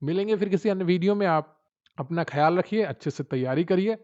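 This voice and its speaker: A man teaching exam preparation who pitches his study notes persuasively and speaks straight to the viewer. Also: brisk, darkish tone, muffled recording. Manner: persuasive, addresses viewers directly. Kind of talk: promotional exam-prep talk.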